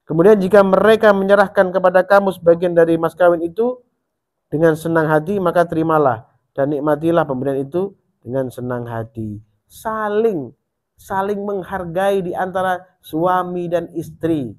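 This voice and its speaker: A man preaching a sermon, rising high and loud to urge and dropping low and soft to warn. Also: moderate pace. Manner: rises in pitch and volume when urging, drops low and soft when warning.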